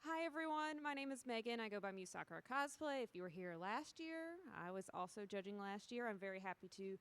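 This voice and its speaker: A woman's voice: medium pitch, animated, brisk, fairly bright tone, clear, resonant tone. A woman judge introducing herself on stage, happy and giggly. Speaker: contest judge.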